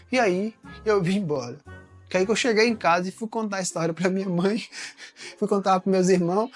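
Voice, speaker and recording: Rambling Brazilian man telling a story. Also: high voice. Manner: rambling, halting, with many restarts and repeats. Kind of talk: casual comic storytelling.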